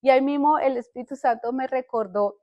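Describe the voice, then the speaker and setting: On her podcast, an older woman hosts and shares a heartfelt testimony of faith in a high voice. She is earnest but halting, frequently stopping to restart words or whole sentences, and the audio sounds dull.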